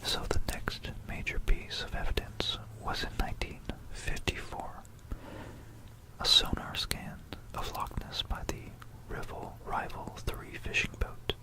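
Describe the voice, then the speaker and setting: An ASMR host narrates history in a breathy whisper, very slow and deliberate, pausing frequently and softly repeating phrases. The recording is rough, captured close on a stereo binaural microphone.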